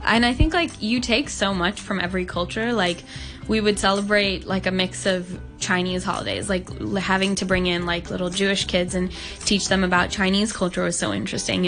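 A nineteen-year-old woman from Hong Kong answers questions as a podcast guest, earnest and thoughtful, dropping "like" again and again. Her medium-pitched, slightly bright voice keeps a moderate pace, and soft music plays faintly behind her.

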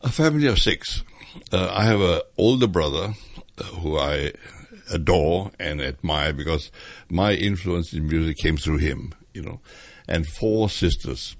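Low gravelly older man reminiscing. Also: animated, measured pace, no room sound. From Hong Kong. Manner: hesitant, reminiscing with many fillers. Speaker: interviewee. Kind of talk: oral history interview.

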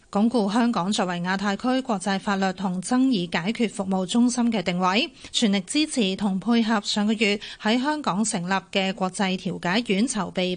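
Hong Kong Cantonese woman reporter, medium pitch. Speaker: radio news reporter. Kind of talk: scripted news report.

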